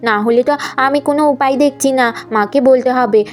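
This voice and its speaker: A woman's voice: sits high, a little fast, a little mellow, close to an everyday voice. A woman voicing mischievous little twin schoolgirls who plead and whine in a puppet story. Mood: whispering. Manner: pleading, whiny, stammering.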